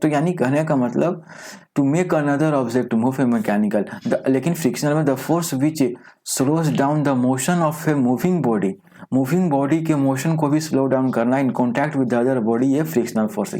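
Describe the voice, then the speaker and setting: A man teaching a school science class online, often asking rhetorical questions and mixing in English terms, reading definitions out slowly. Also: mid-range voice, warm tone. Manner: explains with frequent rhetorical questions. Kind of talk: recorded online class lecture.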